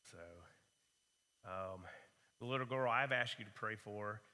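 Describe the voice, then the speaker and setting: A hoarse man with a cough, leading a church Bible study with relaxed, rambling announcements and prayer requests. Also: fairly low pitch, unhurried. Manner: relaxed, rambling, many fillers. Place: church room. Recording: long reverb of a church hall.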